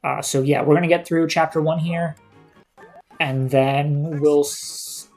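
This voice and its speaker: A man's voice: on the high side, steady tone, a little slow, darkish tone. Man casually streaming a game, music behind. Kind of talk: casual live gameplay commentary. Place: indoors, voice over game audio.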